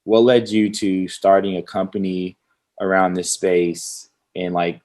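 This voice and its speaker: A man's voice: sits low, little pitch movement, unhurried, a little mellow. A man hosting a casual crypto interview podcast, upbeat and full of slang. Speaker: podcast host. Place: Houston.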